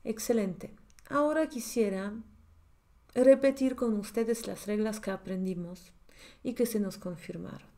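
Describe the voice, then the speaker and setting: Slow, mellow-voiced Polish woman teaching grammar. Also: medium pitch. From Poland. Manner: slow, musing, repeats words while checking them. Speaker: language teacher. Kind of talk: thinking-aloud lesson preparation.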